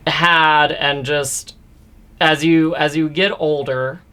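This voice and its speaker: A man in his thirties, a guest actor telling stories in a casual interview, open and quick, with playful quoted asides. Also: a little high, fairly even intonation, bright, forceful tone, smooth. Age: 30s.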